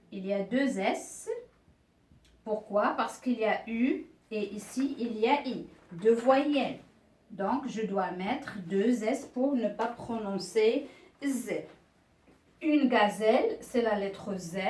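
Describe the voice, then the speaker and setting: Casting note: woman teacher, higher voice, slow patient explaining, heard from a distance in an echoey room. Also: a little mellow. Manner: slow, patient explaining with many "euh" and "regardez". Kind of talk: beginner French reading lesson.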